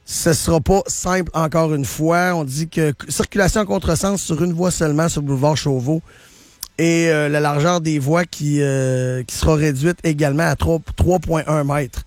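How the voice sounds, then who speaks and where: A man's voice: on the high side, fairly even intonation, normal speed, dry recording, soft background music. A man with a Quebec French accent, hosting a radio show and commenting on traffic news in a casual, opinionated way with lots of fillers and restarts. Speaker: radio host.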